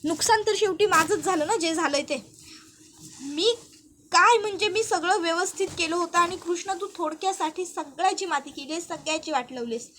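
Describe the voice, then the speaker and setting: Brief: a curt, exasperated young man with a high voice, as a female storyteller puts him on. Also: normal speed, fairly bright tone, a little hiss or hum.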